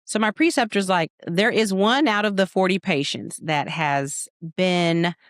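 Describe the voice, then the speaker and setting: A young woman co-hosting a podcast as a nurse, telling stories in a playful, animated way and acting out scenes. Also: on the low side, unhurried, no room sound, clean studio sound. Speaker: podcast co-host, nurse practitioner. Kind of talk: casual storytelling chat.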